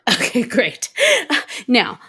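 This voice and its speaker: A woman's voice: slow pace, pushed and bright. A young woman hosting a podcast, chatting casually and asking questions in an upbeat way, laughing often. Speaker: podcast host. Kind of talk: casual interview chat.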